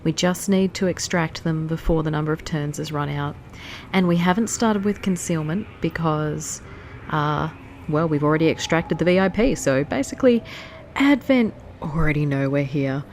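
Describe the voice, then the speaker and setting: Her voice deep and darkish in tone, a woman chats through a strategy game at normal speed, nasal and stuffy from hay fever. The let's play host is talkative and easily distracted. A little hiss or hum sits under the audio.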